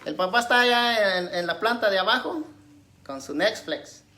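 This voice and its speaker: A woman preacher giving a conversational sermon, constantly checking in with her listeners and alternating loud emphatic questions with quiet asides. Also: expressive, moderate pace. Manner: conversational, tags nearly every phrase with a questioning aside; swings between raised emphatic questions and low asides.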